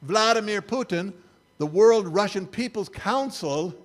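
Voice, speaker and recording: An older man with a high-pitched voice delivers a sermon-style talk while showing slides. His tone is wry and incredulous. He keeps it loose and conversational rather than preachy. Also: expressive, unhurried. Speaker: church speaker.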